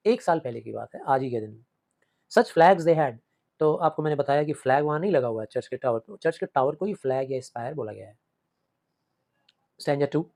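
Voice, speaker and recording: A male teacher with an Indian English accent reads poem lines slowly, then explains them in a mix of Hindi and English, often repeating and rephrasing. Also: mid-range voice, warm tone. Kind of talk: line-by-line poem explanation lesson.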